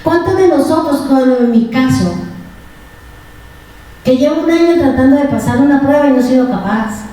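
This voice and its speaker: A woman's voice: high-pitched, normal speed, dark tone. A woman preaching a sermon, emotional and pleading, asking the congregation rhetorical questions. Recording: echoey church hall from far off.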